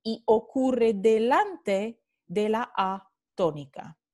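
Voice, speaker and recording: A woman giving a recorded linguistics lecture over slides, talking slowly and carefully and repeating example words. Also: fairly high pitch, expressive, a little mellow.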